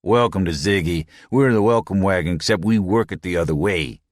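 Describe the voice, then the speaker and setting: A man's voice: deep voice, brisk, no room sound, studio quality, close to an everyday voice. A man voicing a hearty, joking station worker who welcomes newcomers, in an audiobook. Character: hearty back-slapping male station worker.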